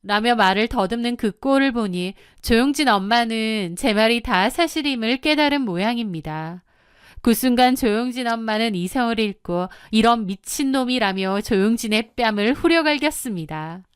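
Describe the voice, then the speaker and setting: A woman's voice: fairly high pitch, lively intonation, moderate pace, smooth, no echo, studio quality. A woman narrating her own story in the first person, confiding and matter-of-fact.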